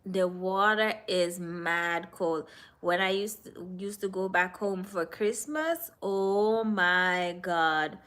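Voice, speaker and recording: A woman's voice: fairly low pitch, steady tone, takes it slowly, fairly bright tone. A woman from Jamaica with a Jamaican accent, chatting casually with viewers on a livestream, teasing them and answering their comments. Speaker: livestream host.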